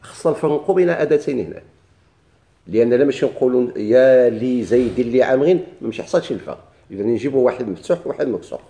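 Mellow-voiced Moroccan man teaching. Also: medium pitch, expressive, fast talker, creaky. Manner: asks questions and answers them himself, repeats key points. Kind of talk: Arabic grammar lesson.

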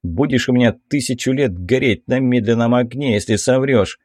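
A man's voice: medium pitch, normal speed, darkish tone, no echo, clean studio sound, lightly acted. A man voicing a commanding, menacing supreme mage in an audiobook, cold and threatening. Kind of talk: audiobook character voice.

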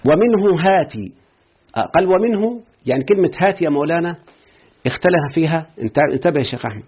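A man's voice: on the high side, lively intonation, racing. A man with an Egyptian Arabic accent giving a classroom grammar lesson, explaining step by step and checking often that students follow. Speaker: grammar teacher. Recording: tinny phone-like husky recording.

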